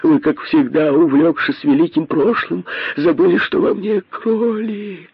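A man's voice: fairly high pitch, steady tone, measured pace, vocal fry, slightly rough, no echo, lo-fi sound, voice pushed up, exaggerated voice. A man voicing a timid, terrified boa who begs and moans. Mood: terrified pleading. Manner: begging, moaning in terror.

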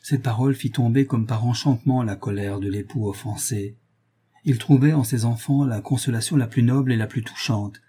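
A man reads a classic novel aloud in a measured, dramatic audiobook narration. His voice is husky and mellow, with a mid pitch. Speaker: audiobook reader.

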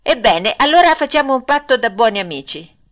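A woman voicing Pinocchio, a mischievous wooden puppet boy, in a storybook audiobook, with a childlike manner. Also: fairly quick. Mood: cheeky. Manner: high, lively childlike voice.

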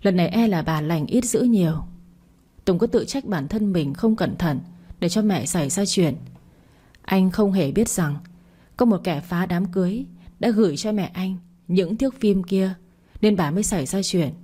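Woman reading a drama story out loud, low mellow voice, steady pace. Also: moderate pace, husky. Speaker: narrator. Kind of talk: storybook narration.

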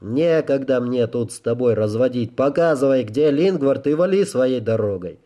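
A man's voice: mid-range voice, lively intonation, normal speed, mellow, natural voice. A man putting on Ray, a curt, cold-voiced commander. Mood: cold menacing. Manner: curt and brusque. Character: hard, commanding male leader, coldly menacing.

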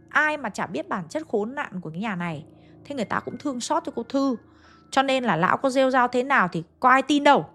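A woman tells a ghost story in a chatty, confiding way, turning often to her listeners. Her voice sits a little high. Faint music plays underneath. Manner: chatty, addressing listeners directly.

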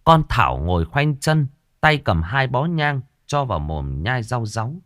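A man narrating a ghost story in the first person, with lively storytelling. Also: medium pitch, a little slow, no echo, studio quality.

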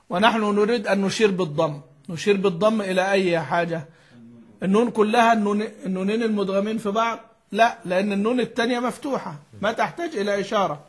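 Male recitation teacher, high voice, patient lecturing style with questions to students. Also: slightly rough. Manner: explains patiently with questions to the class; mixes formal and colloquial speech. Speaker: sheikh teaching Quran recitation. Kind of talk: explanatory lesson on a classical text.

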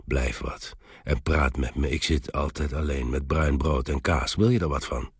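A man plays a gruff old soldier keeping watch at a gate in a storybook tale, booming and blunt. The voice is very deep and breathy, recorded dry and close. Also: moderate pace, no room sound, exaggerated voice. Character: gruff old male soldier gatekeeper, lonely.

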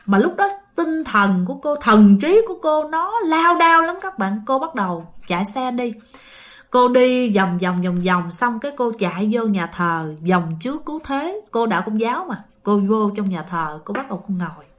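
A woman's voice: on the high side, lively intonation, moderate pace. A woman narrating a ghost story in a chatty way, often turning to her listeners. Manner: chatty, addresses listeners directly.

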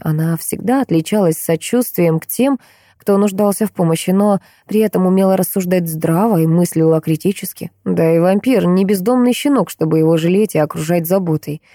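Low, mellow woman reading a story. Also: dry recording, clean studio sound. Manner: measured, steady storytelling. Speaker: audiobook reader. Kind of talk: scripted narration.

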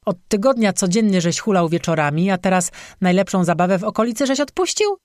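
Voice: medium pitch, expressive, fast, dry recording, clean studio sound, natural voice. A narrator voicing a stout, stern innkeeper woman who scolds and gossips in an audiobook. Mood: gossipy. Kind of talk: audiobook character voice.

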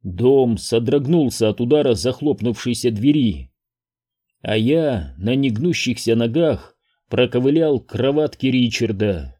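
A man narrating a first-person story in a measured, tense audiobook reading. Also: mid-range voice, dark tone.

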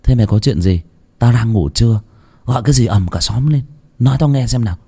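A man voicing a grumpy, bossy village boy, talking gruffly. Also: mid-range voice, a little fast, dark tone.

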